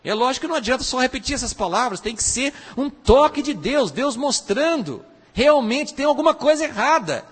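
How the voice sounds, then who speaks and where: A man preaching a sermon in a lively way, acting out short quoted voices. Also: extremely high pitch, fairly quick, husky. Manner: animated, acts out voices in quotes. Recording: reverberant hall.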